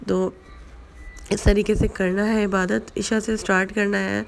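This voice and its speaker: Hoarse woman with a gravelly, flat voice. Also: medium pitch, slight background noise. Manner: chatty, repeats fillers, mixes in English words. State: hoarse from flu and sore throat. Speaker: vlogger. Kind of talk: casual religious advice vlog.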